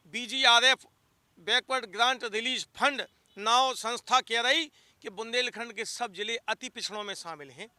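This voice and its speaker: A man's voice: very high voice, sharp tone, no echo. A man with a Bundeli accent, an activist putting pointed questions and appealing to voters. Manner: argumentative, posing pointed questions. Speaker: activist interviewee. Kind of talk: political appeal.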